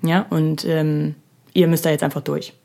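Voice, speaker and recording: A woman in her thirties talks solo into a studio microphone for her podcast. She is chatty and self-ironic, with a slightly low voice, and she often pauses on filler sounds. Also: level tone, gravelly, mellow. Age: 30s. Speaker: podcast host. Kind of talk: casual solo podcast monologue.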